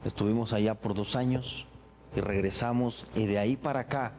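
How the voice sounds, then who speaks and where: A middle-aged pastor shares his personal testimony during a sermon, telling it earnestly and reflectively, halting and repeating words as he goes. His voice sits fairly low and stays steady, slightly mellow, with a faint hiss or hum in the background.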